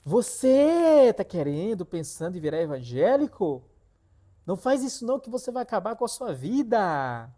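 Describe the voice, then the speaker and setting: A man voicing a spirit that speaks through an older woman, with a shrill, drawn-out, coaxing cry. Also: sing-song, warm tone.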